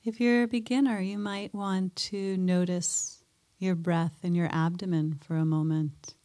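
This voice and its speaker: A woman guiding a mindfulness meditation in a soft, gentle way, pausing often between phrases. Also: on the low side, flat delivery. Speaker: meditation teacher.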